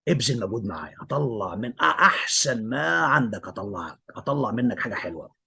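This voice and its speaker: A man's voice: fairly low pitch, sing-song, fast talker, vocal fry, sharp tone, slightly rough. A man with an Egyptian Arabic accent, an English teacher giving emphatic commentary and repeating his praise of a student.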